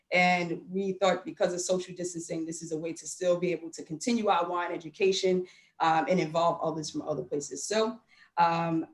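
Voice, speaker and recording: A woman hosting a virtual wine tasting, chatting in a relaxed way with fillers over a video call. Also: fairly low pitch. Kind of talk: casual video call chat. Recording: echoey room on a video call.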